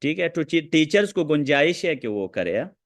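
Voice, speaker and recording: A man teaching a hadith lesson who talks quickly and quotes Arabic texts while answering questions. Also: on the high side, big pitch swings. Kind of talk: online lecture with questions.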